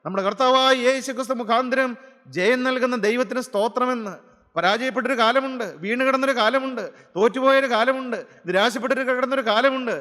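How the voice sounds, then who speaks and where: A man's voice: very high voice, fairly quick, sharp tone, big-room sound. A male preacher delivering an impassioned gospel sermon, firing off rhetorical questions and repeated phrases.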